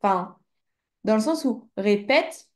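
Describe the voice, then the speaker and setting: A woman tutoring French one-to-one, going through a dictation word by word and patiently repeating words slowly. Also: mid-range voice, lively intonation, darkish tone. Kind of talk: online one-to-one dictation lesson.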